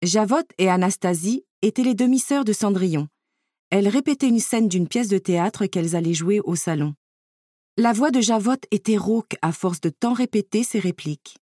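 A woman narrating a children's storybook in a clear, measured reading. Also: medium pitch, mellow, no echo, clean studio sound.

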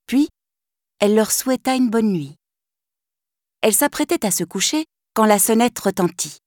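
A woman narrating a children's storybook in a clear, gently expressive reading. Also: fairly low pitch, no echo, studio quality.

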